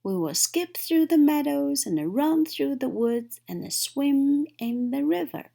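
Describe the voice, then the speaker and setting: A woman's voice: sits high, lively intonation, slow pace, vocal fry, mellow, pitched above the performer's own voice, heavily acted. A woman voicing an eager, cheerful male frog who exclaims and urges in a children's storybook. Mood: eager, persuading. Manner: exclaiming, urging, enthusiastic. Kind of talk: children's storybook read-aloud.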